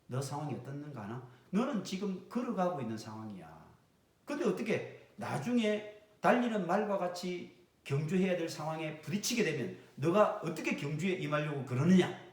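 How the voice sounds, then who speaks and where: A male pastor preaching a sermon in a church, acting out the voices he quotes. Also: fairly high pitch. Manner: animated, acts out quoted speech in the sermon. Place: church sanctuary. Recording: roomy church echo, distant mic.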